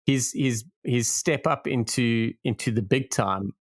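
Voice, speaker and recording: A man's voice: medium pitch, a little slow. A man with a South African accent, co-hosting a rugby podcast in a playful, teasing chat with frequent laughs. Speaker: podcast co-host. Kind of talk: casual chat.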